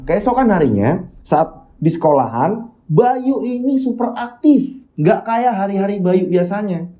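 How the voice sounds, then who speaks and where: A man's voice: sits high, sing-song, measured pace, warm tone, soft background music. A man telling a spooky story in a chatty, casual way, sprinkling in little fillers. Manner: chatty, with fillers like "nah" and "ya kan". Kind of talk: casual spoken horror storytelling.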